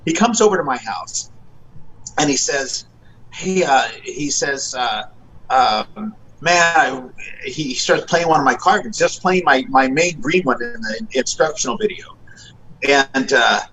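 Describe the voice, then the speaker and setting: A man's voice: mid-range voice, a little slow, a little hiss or hum, poor audio. A middle-aged man, a guest guitarist, telling stories in a casual chat and acting out the quoted lines, with many fillers. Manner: animated, acts out quotes, frequent fillers.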